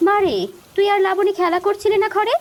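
A woman voicing a patient, caring village mother in a cartoon, speaking gently. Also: extremely high pitch, fairly even intonation, brisk. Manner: gentle, soothing. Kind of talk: cartoon voice acting.

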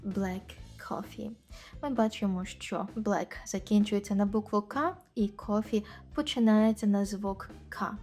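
Woman teacher slowly repeating practice phrases. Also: mid-range voice, a little mellow, soft background music. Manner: slow and careful, repeating example phrases many times. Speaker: English teacher. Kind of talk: language lesson explaining pronunciation.

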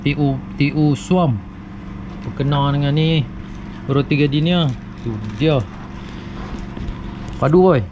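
Night fishing from a wooden platform at sea, this young vlogger chats to his "guys" in an upbeat way, captured on an action cam. He has a Malay accent and a slightly high, steady voice, speaking slowly with frequent pauses. The audio is dull, with a noisy background.

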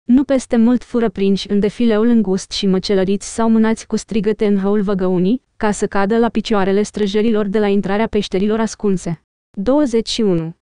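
A woman reading an audiobook in steady scripted narration. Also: mid-range voice, smooth, dry recording, studio quality. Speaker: audiobook reader.

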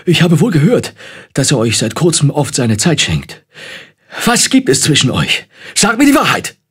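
Male reader doing a high, loud, husky old royal adviser, fussy and scolding, for a storybook. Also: wildly swooping pitch, moderate pace, full character voice. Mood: stern. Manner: agitated and scolding.

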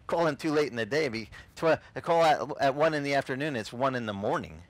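A middle-aged man, whose first language is not English, preaches an animated and casual sermon outdoors on a beach, gesturing and acting out the voices he quotes. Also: medium pitch, a little fast, no echo, low-quality recording. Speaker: pastor.

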